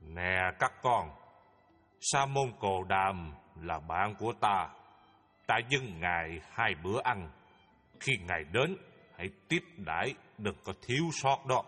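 A man's voice: deep voice, animated, slow pace, a bit bright, heavily acted. An actor playing a poor, humble old Brahmin father who speaks with earnest pleading in an audio drama. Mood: instructing. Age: older. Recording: reverberant hall, music behind.

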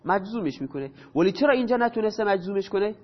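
Guy with a high voice teaching grammar, asks and answers his own questions, muffled recording w long echo. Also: expressive. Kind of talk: explaining grammar to students. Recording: dull lo-fi sound with long reverb.

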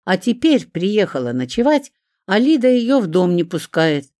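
A reader voicing Ivan Timofeevich, a stately older man and editor who speaks in a measured, sedate, lecturing way. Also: medium pitch, sing-song, a little mellow, no echo, studio quality, pitched above the performer's own voice, natural voice.

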